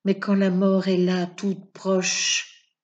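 A woman's voice: medium pitch, monotone, takes it slowly, lo-fi sound, lightly acted. A woman reading aloud voices a frightened, naive middle-aged male draper who speaks in a raised, pleading way. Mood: sobbing.

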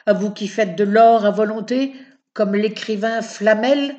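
A woman's voice: medium pitch, measured pace, warm tone, highs cut off, natural voice. Woman playing a frightened naive draper. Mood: eager. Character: frightened middle-aged male draper, naive and tearful.

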